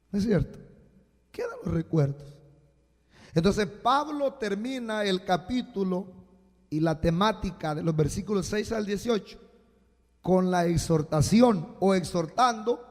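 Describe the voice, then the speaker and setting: A man preaching a sermon as a pastor, slow and emphatic with sudden loud bursts, recorded live in a church. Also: high voice. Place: church sanctuary. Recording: live church hall with long reverb.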